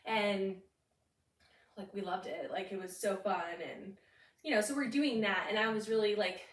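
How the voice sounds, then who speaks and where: A woman in her thirties co-hosts a podcast, chatting casually at a moderate pace in a mid-range voice, peppering her speech with "like" and laughing a lot. She has the hiccups. The sound is roomy, with the mic set at a distance.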